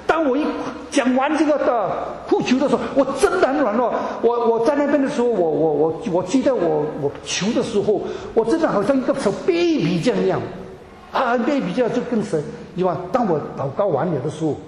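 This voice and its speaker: A man's voice: very high-pitched, animated, fairly quick, a little mellow, a little hiss or hum. A man giving an emotional personal testimony to a congregation, often stammering and repeating words and dropping in English words. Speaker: church member giving a testimony. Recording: echoey hall with long reverb.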